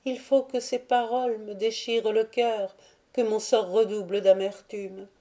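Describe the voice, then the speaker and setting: A woman voicing a despairing young noblewoman in a soft, mournful lament, in an audiobook reading. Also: mid-range voice, lightly acted.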